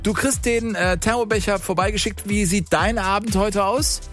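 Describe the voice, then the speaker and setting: A man hosting a radio quiz in a studio, chatty and upbeat, explaining rules quickly with fillers. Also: high-pitched, steady tone, a bit bright, faint music behind.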